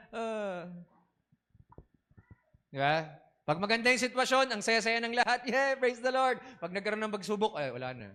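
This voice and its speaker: A man preaching as a bishop in a high, bright, tense voice. He keeps checking in with the congregation through short questions and slips English phrases in between. His sermon delivery is lively.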